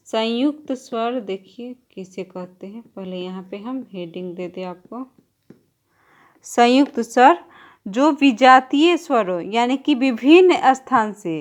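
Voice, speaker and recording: A woman teaches an exam-prep grammar lesson in a slow, measured way, pausing to write on a board. Her voice sits a bit high. She drags out the example vowel sounds to make them clear. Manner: slow, deliberate explaining, drawing out example sounds.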